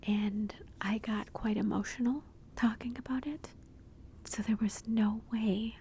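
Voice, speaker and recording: In a soft, breathy near-whisper, a woman with a mid-range voice gives an ASMR book review, gentle and unhurried. There's a little background noise.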